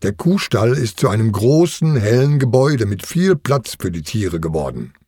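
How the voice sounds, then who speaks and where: Man, storyteller uncle, children's audio story, husky tone, lively melodic delivery. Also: lowish voice, normal speed, dry recording, clean studio sound.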